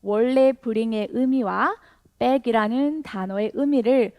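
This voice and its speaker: A woman teaching English in a video lesson, lively and encouraging, asking her viewers questions and laughing often. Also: on the high side, drawn-out words, no room sound.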